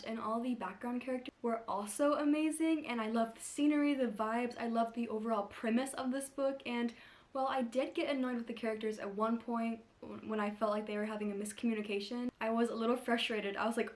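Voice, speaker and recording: Chatty young woman gushing about books. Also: on the high side. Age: young adult. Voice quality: slight lisp from a retainer. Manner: gushing, chatty, lots of fillers. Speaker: book vlogger. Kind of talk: casual reading vlog.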